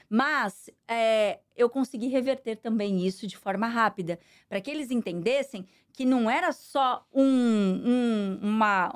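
Earnest Brazilian woman, fairly high voice. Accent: Brazilian Portuguese. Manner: earnest, measured, many fillers. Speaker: interview guest, politician. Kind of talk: conversational interview.

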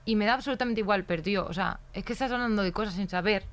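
A woman's voice: mid-range voice, rapid-fire. A young woman, a football player talking as a guest, blunt and emphatic, swearing freely. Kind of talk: casual podcast chat.

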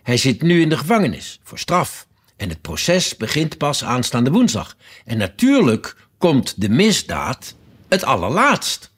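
A man reading a storybook aloud and voicing a scatterbrained, fussy queen who talks in a breezy, sing-song way and breaks into shrill cries. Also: huge pitch swings, unhurried, a bit bright, slightly rough, heavily acted.

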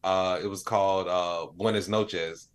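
A comedian and AI storyteller, here as an interview guest, rambles through his stories casually, leaning on "like" and "you know" a lot. His low voice is clear and resonant, holding a steady tone at a slightly slow pace.

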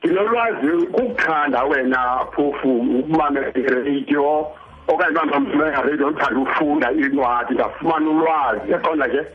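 A man's voice: on the high side, quick pace, phone-quality sound, crowd noise. A man in his sixties with a South African Xhosa accent, telling his story conversationally as an interview guest and often checking that his listener follows. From Eastern Cape, South Africa. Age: 60s. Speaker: interview guest, cancer survivor.

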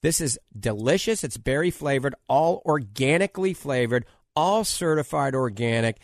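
A man with a New Orleans accent giving an informal, radio-style health talk and product pitch, emphatic and repetitive as he lists his points. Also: expressive, normal speed, no room sound, clean studio sound. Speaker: health show host promoting diet and supplements.

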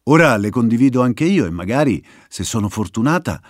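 A man voicing a gentle, cheerful female grass snake who talks simply and kindly. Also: medium pitch, animated, brisk, no room sound, clean studio sound, natural voice.

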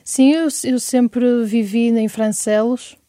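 A woman's voice: a little high, fairly even intonation, takes it slowly, dark tone, no echo, studio quality. A woman in her twenties from Porto with a European Portuguese accent, chatting easily as a guest singer-songwriter in an interview. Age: 20s. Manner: easygoing, chatty. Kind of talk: casual interview chat.

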